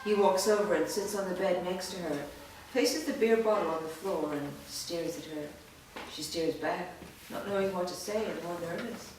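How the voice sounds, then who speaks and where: Reading a screenplay's stage directions aloud, a woman keeps things steady and matter-of-fact in a staged reading. Her low-leaning voice is a little mellow at a moderate pace, with a little hiss or hum, captured from afar in an echoey room.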